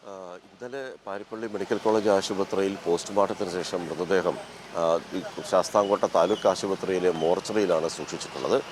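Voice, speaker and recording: Male field reporter, very low voice, halting live delivery, faint street traffic behind. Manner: measured, with frequent filler pauses.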